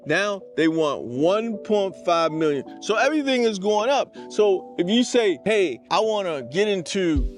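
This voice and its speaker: A man's voice: high voice, very animated, a little slow, few pauses, faint music behind. A man co-hosting a podcast, talking in an emphatic, preachy way with a sing-song lilt. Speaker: podcast co-host. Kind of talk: casual conversational discussion.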